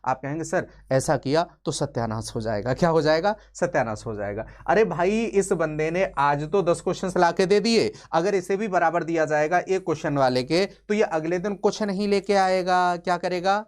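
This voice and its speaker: A man's voice: on the high side, normal speed, hardly any pauses. A man in his twenties teaching a maths lesson for exams, chatty and joking, asking questions and then answering them himself. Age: 20s. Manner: chatty and joking, calls viewers friend. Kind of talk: exam-prep lesson.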